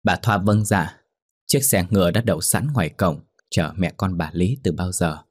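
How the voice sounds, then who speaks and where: A man narrating a ghost story in a steady storytelling manner. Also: low-pitched, normal speed, dry recording, studio quality.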